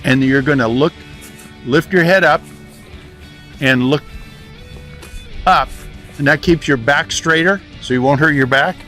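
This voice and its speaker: A man with a slightly raised voice coaches riders outdoors. He walks them through each move patiently, in loose, halting phrases. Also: a little high, pushed and bright, soft background music. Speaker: riding coach. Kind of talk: hands-on outdoor instruction. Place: outdoors on a desert training ground.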